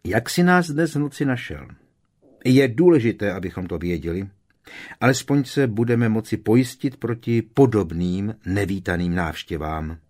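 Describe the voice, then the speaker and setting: A man's voice: lowish voice, lively intonation, darkish tone. A man reading aloud and voicing a cold, haughty young woman with a sarcastic edge.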